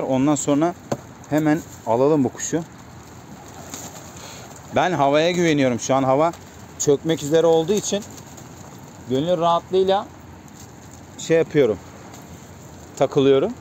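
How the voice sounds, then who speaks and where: A man's voice: a little high, normal speed, pauses often, a little mellow, a little hiss or hum. A man at his pigeon coop, talking casually to his viewers and calling to his birds over and over. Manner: coaxing birds with repeated calls. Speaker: pigeon keeper vlogger. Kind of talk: casual vlog talk to viewers. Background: cooing pigeons.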